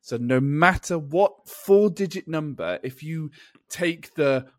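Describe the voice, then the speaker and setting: A man's voice: a little high, animated, slow, no room sound, clean studio sound. A man co-hosting a podcast in casual chat, rambling and laughing often as he explains things. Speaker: podcast co-host.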